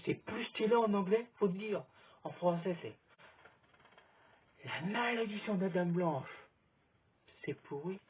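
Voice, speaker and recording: A man records a rambling, casual vlog on his phone outside in the sunlight, chatting away with recommendations. His voice is high with a breathy edge, captured by the phone camera with a thin, phone-like quality.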